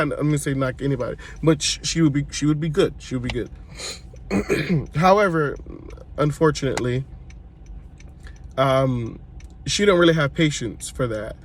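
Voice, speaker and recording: A man from Brooklyn, a church worship singer telling personal stories in a chatty way. He is congested, often corrects himself and speaks straight to his viewers. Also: a little high. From Brooklyn, New York. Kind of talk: casual personal storytelling to camera.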